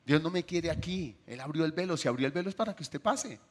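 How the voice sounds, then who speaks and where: A man delivers a sermon to his congregation in a fairly high, animated voice, putting questions to them. He swings from loud bursts to soft, drawn-out phrases.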